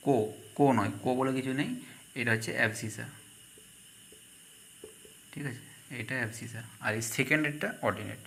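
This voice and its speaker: A man's voice: mid-range voice, pushed and bright, slight background noise. A man teaching a math lesson, asking questions and answering them himself.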